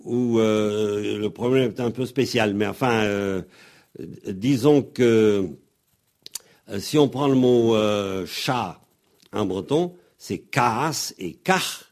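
A man on the radio patiently explaining pronunciation like a teacher, spelling out letters and pausing on fillers. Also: on the low side, a little mellow. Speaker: guest explaining Breton pronunciation.

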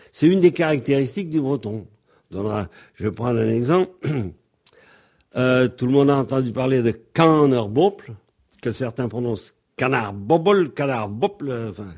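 A man's voice: mid-range voice, darkish tone. A man teaching pronunciation, speaking hesitantly with frequent ums and spelling words out letter by letter. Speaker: Breton language teacher.

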